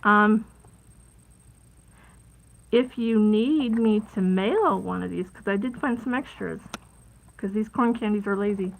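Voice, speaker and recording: A woman hosting a casual live crafting stream, chatty and rambling, with plenty of fillers and soft asides at her craft table. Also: medium pitch, measured pace, gravelly, pauses often, slight background noise, rough recording. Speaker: crafting livestream host.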